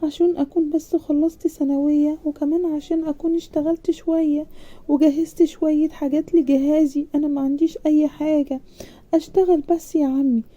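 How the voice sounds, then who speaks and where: A bashful young bride with an Egyptian accent, pleading in a raised, rapid voice, as a woman storyteller puts her on. The tone is dark and mellow, and the recording sounds dull. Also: high voice, little pitch movement, pitched above the performer's own voice, natural voice. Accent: Egyptian Arabic. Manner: shy, pleading. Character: young shy female high-school student bride.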